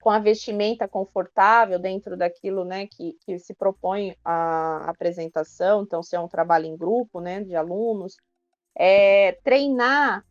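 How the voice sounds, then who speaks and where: A woman's voice: mid-range voice, steady tone, moderate pace, no room sound, dull audio. Brazilian woman explaining with casual fillers. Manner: explanatory, many filler tags. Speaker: guest speaker on public speaking. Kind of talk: casual podcast advice.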